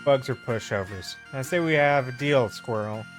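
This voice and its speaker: Man playing a grumpy knight sidekick, low grumbling voice, curt. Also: moderate pace, soft background music, natural voice. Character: cranky male knight companion, grumpy.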